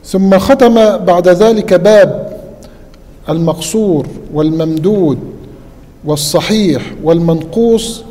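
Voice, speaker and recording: A man reading a classical grammar text aloud in a lesson, reciting slowly and answering briefly. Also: sits high, dark tone, long reverb tail.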